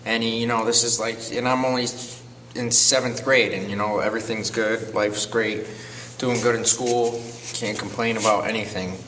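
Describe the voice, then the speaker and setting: A young man in his twenties from Connecticut speaks in a measured, unhurried way. His voice is low and very flat, recorded from a distance with a faint hiss underneath. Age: 20s. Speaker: interviewee. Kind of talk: documentary testimony.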